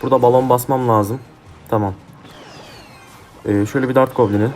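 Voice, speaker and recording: A man's voice: mid-range voice, fairly even intonation, fairly quick, a little mellow. A young man commentating his own mobile game match, swearing heatedly and trash-talking his opponents. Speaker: gaming YouTuber. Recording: faint game music behind.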